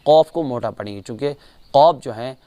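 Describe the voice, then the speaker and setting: A man with a Kashmiri accent teaching Quran recitation rules, explaining calmly and chanting each verse slowly, repeating sounds to correct mistakes. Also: medium pitch, dry recording. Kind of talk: tajweed lesson with chanted examples.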